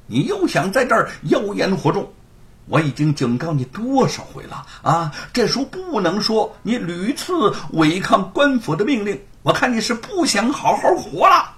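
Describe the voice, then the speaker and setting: A man's voice: high voice, very animated, drawn-out words, fairly bright tone, pitched above the performer's own voice, heavily acted. A man voicing a bullying male yamen constable chief who barks threats and orders. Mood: threatening. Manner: barking, threatening.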